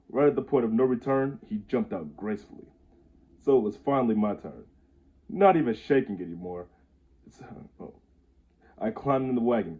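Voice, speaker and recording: A man in his twenties casually reading aloud his own handwritten story, stumbling over the words and chuckling at himself. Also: on the low side. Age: 20s. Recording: tinny phone-like audio.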